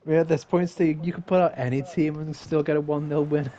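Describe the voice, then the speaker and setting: A man's voice: a little high, fairly even intonation, fairly quick, dark tone, slight background noise. Man giving mock-dramatic commentary on dull audio. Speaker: streamer playing with friends. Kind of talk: casual chat while gaming.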